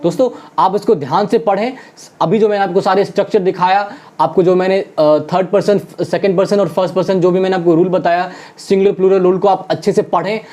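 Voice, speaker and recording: A teacher with a mellow, dark-toned voice works through a lesson, calling the viewers friends again and again. Each question is posed to the class and then answered at once. Example sentences in English are drawn out slowly, one word at a time, and said more than once. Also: medium pitch, steady tone.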